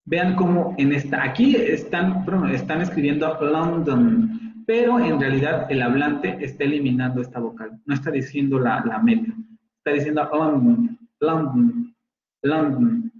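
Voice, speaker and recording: A man's voice: fairly high pitch, moderate pace, hardly any pauses, slight background noise. Mexican man teaching, roomy dull audio. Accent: Mexican Spanish. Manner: explanatory, repeats example words to model pronunciation. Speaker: university phonetics teacher. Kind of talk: online class lecture. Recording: roomy, slightly dull audio with faint ambience.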